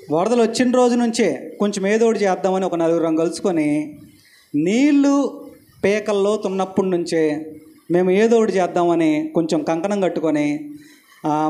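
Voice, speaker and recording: A man's voice: sits high, normal speed, long pauses, mellow. A middle-aged male pastor preaching a sermon, telling a story and putting questions to the congregation.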